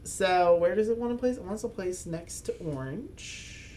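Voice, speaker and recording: There's slight background noise as a high-pitched, expressive man works through a solo board game without hurrying. Hosting his board game channel, he projects his voice loudly, chuckling and making self-deprecating remarks in casual commentary.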